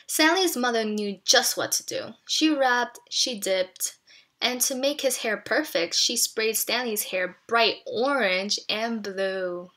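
A woman reads a children's picture book aloud with lots of expression, stopping now and then to explain things to her young listeners. Her voice is on the high side with a sharp tone.

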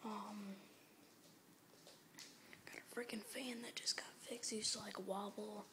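A woman's voice: medium pitch, fairly even intonation, measured pace. Teen girl whispering thru a house tour at night, rambly, noisy phone audio. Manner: whispering, hesitant, rambling with fillers. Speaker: vlogger giving a home tour. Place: house at night, family asleep.

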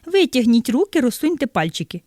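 A woman's voice: sing-song, brisk, darkish tone, no echo. A syrupy, endlessly courteous shop assistant, as a woman telling a joke puts him on chirps his offers in a raised voice. The sound is close and dry. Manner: sugary and courteous, higher pitched. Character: overly polite male shop assistant, smiling.

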